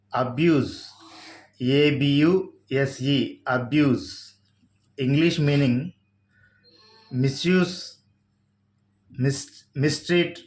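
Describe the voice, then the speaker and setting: A man with a Telugu accent teaching English vocabulary, reading out each word, spelling it letter by letter and giving its meanings. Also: mid-range voice. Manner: spells words out letter by letter, slowly. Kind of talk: slow vocabulary lesson.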